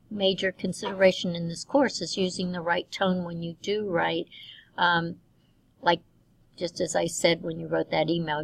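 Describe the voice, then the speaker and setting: Slow, gravelly woman instructor. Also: lowish voice, fairly bright tone, no echo, rough recording. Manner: measured, with frequent um fillers. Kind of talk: recorded course feedback lecture.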